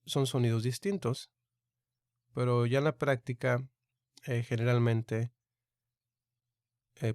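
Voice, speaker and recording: A man teaching a recorded online Greek lesson, speaking slowly and deliberately and repeating each sound aloud. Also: medium pitch, darkish tone, no echo, studio quality.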